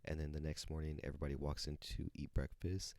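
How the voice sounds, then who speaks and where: Very deep-voiced man rambling casually. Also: completely flat delivery, fast talker, vocal fry, a little mellow, no echo, clean studio sound. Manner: rambling, swearing, many fillers and self-corrections. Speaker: podcast host. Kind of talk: casual solo podcast chat.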